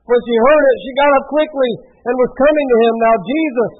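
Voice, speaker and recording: A man's voice: very high voice, fairly even intonation, fast talker. A man preaching a sermon, reading scripture aloud and breaking in with folksy asides. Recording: tinny phone-like radio broadcast.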